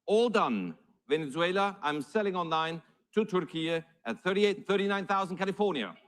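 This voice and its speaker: A man's voice: sits high, expressive, normal speed, a bit bright. A man working as an auctioneer, calling numbers and bids live in formal, courteous patter.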